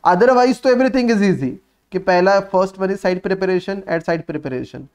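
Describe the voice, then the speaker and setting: High-pitched North Indian man teaching. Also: quick pace. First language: Hindi. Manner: instructive, repeats key phrases and asks himself questions; mixes Hindi words into English. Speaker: accountancy teacher. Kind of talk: lively classroom exam coaching, working through problems.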